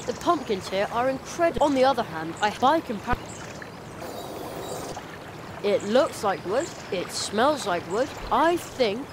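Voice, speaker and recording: A man's voice: extremely high pitch, sing-song, measured pace, pauses often, background noise, exaggerated voice. An actor playing a curious, polite young boy adventurer in a video game. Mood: musing. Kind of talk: video game character acting.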